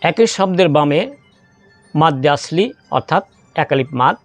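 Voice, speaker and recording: A man teaching Quran reading, slowly spelling out Arabic syllables in step-by-step drills and drawing out recited words. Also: on the high side, dry recording, faint music behind.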